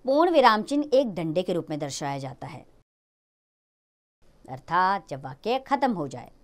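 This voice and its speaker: A young adult woman teaching a grammar lesson to children, slowing down to read out the example sentences. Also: fairly low pitch, very animated.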